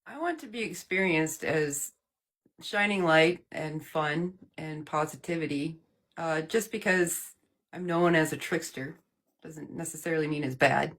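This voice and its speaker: A woman's voice: low voice, measured pace, fairly bright tone. A woman channeling the male god Apollo in a live interview, talking in a loose, jokey way with laughs between phrases. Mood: reflective. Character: playful trickster sun god Apollo, male, cheerful and upbeat.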